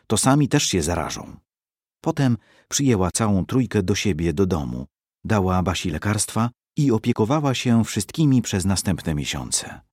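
A man narrating a story in a measured, expressive reading. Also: low voice, slightly rough, no room sound, clean studio sound.

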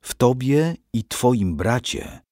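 A man's voice: mid-range voice, animated, darkish tone, no room sound, clean studio sound. Man voicing a stern old-style nobleman father. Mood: grave. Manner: old-fashioned, measured speech. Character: stern middle-aged Polish nobleman father.

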